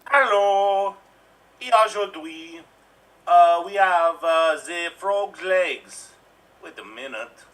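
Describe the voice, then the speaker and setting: A man's voice: high-pitched, slow pace, a bit bright. A man doing an impression of a famous puppet frog working as a waiter in a French restaurant, with a mock French accent and a hesitant, fumbling delivery. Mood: hammy. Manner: hesitant, fumbling, stops to laugh at himself. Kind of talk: improv impression.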